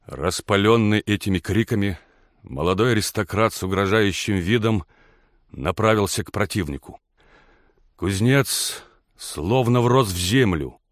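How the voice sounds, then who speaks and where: A man reads a story aloud in a measured, expressive way. His voice sits very low. The recording is dry and close, with no room sound. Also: no echo. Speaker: audiobook narrator. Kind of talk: scripted narration.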